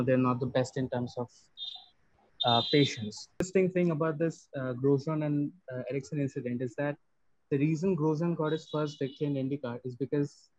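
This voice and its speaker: A man's voice: darkish tone, no echo. A man giving an explanatory, casual recap of motorsport news as a podcast panelist. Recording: dry, muffled low-fi audio.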